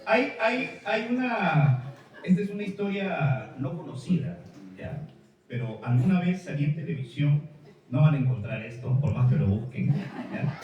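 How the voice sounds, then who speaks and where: A man's voice: fairly high pitch, very animated, moderate pace, recorded from a distance, highs cut off, a little hiss or hum. A man with a Peruvian Spanish accent preaching a sermon, telling a personal story in a chatty way, with laughs and asides to the congregation. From Peru. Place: large church hall. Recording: very echoey hall, voice from off-mic.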